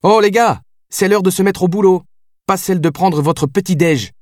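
A man's voice: sits high, fairly quick, a little mellow, no room sound, clean studio sound, pitched above the performer's own voice, close to an everyday voice. A man reading an audiobook, voicing a brusque, bossy woman police captain who barks blunt orders.

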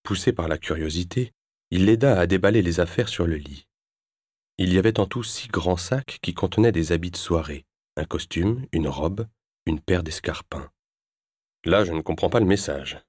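Deep-voiced male audiobook narrator. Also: no room sound, clean studio sound. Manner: measured, even reading. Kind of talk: scripted narration.

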